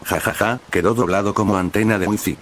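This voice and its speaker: Man doing a loud goofy teen boy, complaining, low register. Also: steady tone, a little fast, a little hiss or hum, natural voice. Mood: rowdy. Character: rowdy teenage boy, loud and silly.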